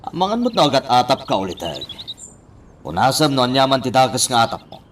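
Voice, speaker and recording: A man's voice: mid-range voice, very animated, fast talker, recorded from a distance, slight background noise, lightly acted. A man voicing a tired young nephew who speaks plaintively, in a radio drama.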